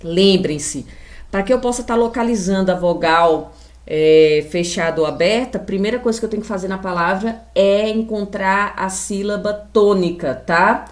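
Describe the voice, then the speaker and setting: Brazilian woman teaching a class, emphatic. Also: medium pitch. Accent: Brazilian Portuguese. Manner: slow and emphatic, stretching example words; speaks straight to the class. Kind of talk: video lesson for children.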